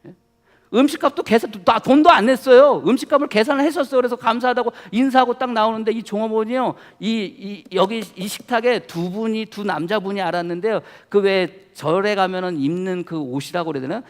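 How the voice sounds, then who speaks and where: A man preaching a Sunday sermon as pastor, telling a personal story and asking the congregation questions in an animated way. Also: high voice, a little fast. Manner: animated, asks congregation questions, quotes scripture. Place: church sanctuary. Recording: church hall reverb.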